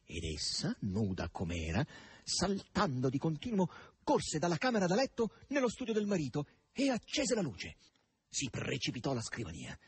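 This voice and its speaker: Man, audiobook narration, breathy husky voice, lively intonation. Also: fairly high pitch, moderate pace, dry recording. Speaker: reader.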